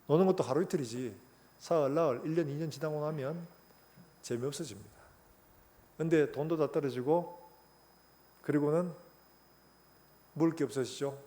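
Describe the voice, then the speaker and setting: A man's voice: fairly high pitch, moderate pace, long pauses, dark tone. A middle-aged man preaching a sermon as pastor, telling a story animatedly and acting out its voices.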